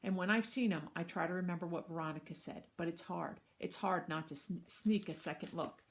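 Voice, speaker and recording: A woman teacher reading a children's chapter book aloud. Her voice sits somewhat low. She narrates expressively, like a storyteller. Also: fairly even intonation, a little fast, gravelly.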